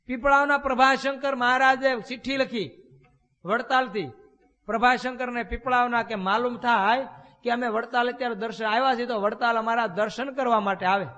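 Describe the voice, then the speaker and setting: A man, a swami preaching in a temple hall, and his voice sits very high for a man. He tells folksy tales and keeps asking his listeners rhetorical questions. The sound rings with a long hall reverb. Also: fairly even intonation, moderate pace, bright, forceful tone, muffled recording. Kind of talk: storytelling sermon.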